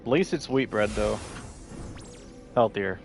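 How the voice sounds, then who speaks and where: A man's voice: fairly low pitch, expressive, measured pace, vocal fry, soft background music. A young man casually chatting and swearing while streaming a game, eating as he talks. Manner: rambling, swears freely, talks with mouth full. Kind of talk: casual livestream chat.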